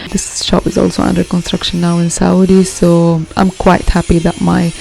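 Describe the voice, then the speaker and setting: A woman in her twenties, from Syria and raised in the Emirates, narrating her vlog in a relaxed, chatty voice-over. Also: on the low side, normal speed, gravelly, reverberant, rough recording. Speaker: vlogger.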